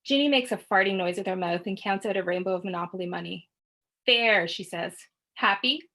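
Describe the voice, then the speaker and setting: Woman reading fiction aloud, measured. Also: lowish voice, steady tone. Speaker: author reading at a book launch.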